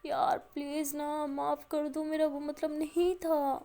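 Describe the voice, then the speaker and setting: A young college woman pleads through tears, slow and repetitive, as a woman storyteller voices her. Her voice sits high and soft, mellow rather than bright. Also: flat delivery. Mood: pleading.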